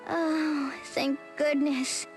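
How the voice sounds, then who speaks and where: A woman's voice: high-pitched, level tone, drawn-out words, soft background music. A woman voicing a strong-willed young heroine in a video game, plain-spoken and commanding but caring. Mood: worried.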